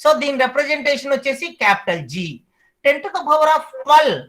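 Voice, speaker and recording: Male teacher, high voice, online class, repeats each term slowly for students. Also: animated, fairly bright tone, rough recording.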